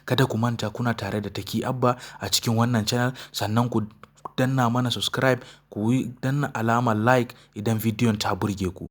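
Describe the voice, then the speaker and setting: A man's voice: mid-range voice, steady tone, fairly quick. A man with a Nigerian Hausa accent, narrating a phone unboxing and review as the host of a tech channel.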